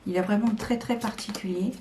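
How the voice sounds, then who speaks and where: Mellow-voiced woman chatting hesitantly. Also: medium pitch, steady tone, a little fast. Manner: hesitant, many fillers and restarts. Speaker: tarot video creator. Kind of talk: casual show-and-tell chat to camera.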